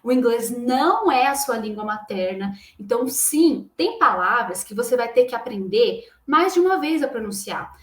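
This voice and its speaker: A young Brazilian woman with a Brazilian Portuguese accent, teaching an English pronunciation lesson in a lively, encouraging way and talking straight to the viewer. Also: high voice. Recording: echoey room.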